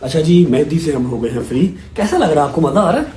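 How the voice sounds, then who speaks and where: Man, casual family vlog, lively joking tone, slightly high voice, roomy echo, faint background noise. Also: quick pace. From Pakistan. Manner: lively, joking, talks straight to viewers. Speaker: vlogger. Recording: echoey rooms with faint noise.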